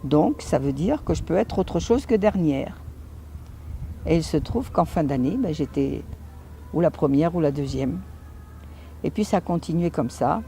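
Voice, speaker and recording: A woman telling her own story in French in a lively anecdotal way, acting out the lines of people she quotes. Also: on the low side, creaky, a little hiss or hum. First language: Italian and French. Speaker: speaker recounting her life. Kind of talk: personal storytelling talk.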